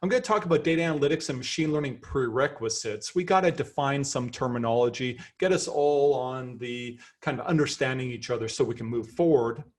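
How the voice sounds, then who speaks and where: A middle-aged Canadian professor with a Canadian accent gives a lively, chatty seminar lecture, enthusiastic and quick to poke fun at himself. His voice sits at medium pitch, and he talks fairly quickly with few pauses.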